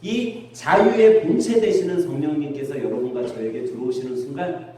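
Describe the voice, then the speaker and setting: High-voiced pastor in an echoey church. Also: male voice, moderate pace. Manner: conversational storytelling, lively with laughs. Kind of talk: sermon. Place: church sanctuary. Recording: very echoey church hall, distant mic.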